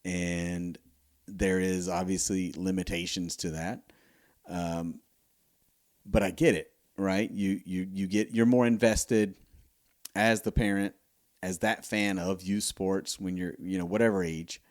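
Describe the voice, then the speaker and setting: Low-voiced man rambling through a solo podcast. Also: steady tone, slow pace. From United States. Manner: rambling, many fillers and restarts. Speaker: podcast host. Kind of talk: casual solo commentary.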